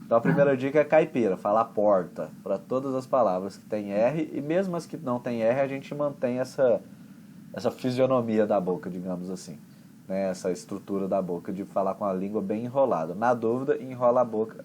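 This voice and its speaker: A man's voice: fairly low pitch, fairly even intonation, brisk, a little mellow, a little hiss or hum. Chatty Brazilian man teaching English. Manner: chatty, explains with homely examples. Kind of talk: conversation class explanation.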